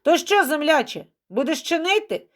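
Storybook old mountain man, gruff and mocking, read by a woman, raised pitch. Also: very animated, moderate pace. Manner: teasing, scolding.

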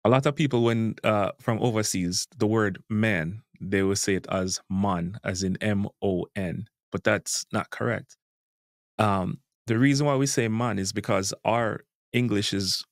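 A man's voice: fairly low pitch, no echo, studio quality. A Jamaican man with a Jamaican accent, earnestly explaining in a casual interview. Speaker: guest language educator.

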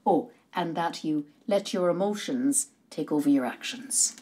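This older actress's voice is deep and dark with a breathy edge as she plays a theatrical, gushing palm reader on film. Her manner is dramatic and knowing, teasing as she draws out each word and addresses people as darling.

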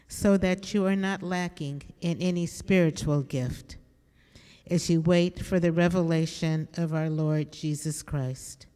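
A woman's voice: lowish voice, dark tone. An older woman reading scripture solemnly as a lector at a church lectern, with echoing reverb. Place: inside a church. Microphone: lectern microphone.

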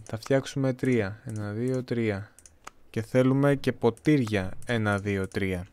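Young man from Greece, casual game commentary, chatty, slightly hoarse, keeps clearing his throat. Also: fairly low pitch, a little mellow. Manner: chatty, talks to viewers, jokey self-talk. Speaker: gameplay commentator.

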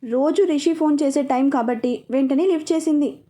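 A woman narrating a heartfelt story with an expressive, scripted delivery. Her voice is high and mellow, easy and smooth. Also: brisk.

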